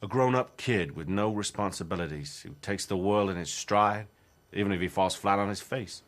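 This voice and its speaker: An actor playing a younger Oliver Hardy, an earnest, optimistic comedian from Georgia, in dramatic dialogue. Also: male voice, sits low, moderate pace, natural voice. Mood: wistful. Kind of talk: radio-play style dramatic dialogue.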